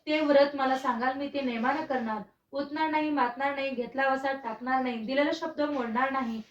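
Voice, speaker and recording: A servant girl at a palace door, full of questions and quick to promise, as a woman narrator reads her part. The voice is high and sounds distant in a reverberant space. The recording is dull and lo-fi. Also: steady tone, lightly acted. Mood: pleading. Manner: questioning, then solemn vow-making. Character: palace maid, wary then pleading.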